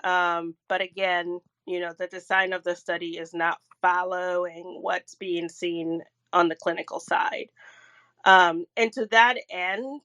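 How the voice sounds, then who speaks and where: A woman with a lowish voice speaks slowly in a casual online audio-room discussion. She talks in a measured, hesitant way as she works through her thoughts. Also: a bit bright, clear, resonant tone, highs cut off. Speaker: patient advocate and organizer.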